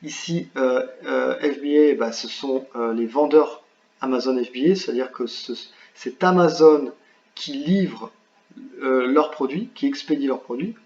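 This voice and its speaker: A man talks viewers through a software tool in a screen-share tutorial, halting often with fillers and restarts. His voice sits at a middle pitch. The recording sounds roomy and a bit dull. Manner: hesitant, many fillers and restarts; apologetic about his English pronunciation. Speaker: online business tutor.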